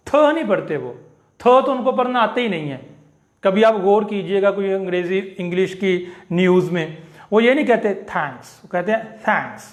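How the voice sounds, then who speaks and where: A man with a Pakistani Urdu accent gives a pronunciation lecture in a fairly high voice. He speaks at an unhurried, measured pace. He repeats each example word several times as he explains. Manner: slow, deliberate explaining, repeats example words. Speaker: English teacher. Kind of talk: classroom lecture.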